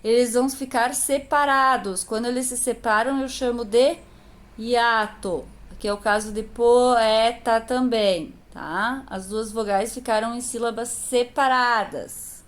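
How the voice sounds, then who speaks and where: Unhurried and steady in tone, this slightly high-voiced woman is a primary school teacher patiently explaining grammar to young children, asking them questions that she goes on to answer herself.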